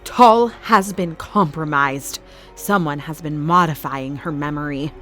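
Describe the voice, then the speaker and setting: A woman performs the role of a commanding arena master in an audio drama, her voice pitched low. Her lines come out unhurried yet formal and clipped, carrying a ruthless, suspicious chill over soft background music.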